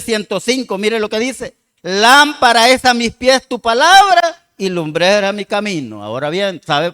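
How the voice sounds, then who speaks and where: High, clear-voiced male preacher. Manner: addresses the congregation with frequent "hermano" and "amados hermanos"; reads scripture slowly and loudly. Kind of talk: sermon. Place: church.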